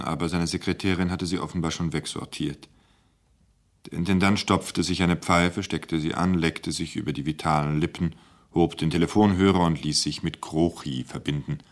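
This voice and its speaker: A man narrating a literary satire in a dry, measured storytelling manner. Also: low-pitched.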